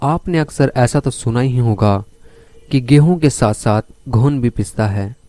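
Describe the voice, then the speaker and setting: Dark-voiced man telling a crime story. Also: mid-range voice, unhurried, no room sound. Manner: addresses listeners directly while telling the story.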